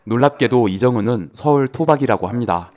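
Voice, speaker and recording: A man narrating a film commentary in a calm, informative way, with light jokes. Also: medium pitch, fairly quick. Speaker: movie channel narrator.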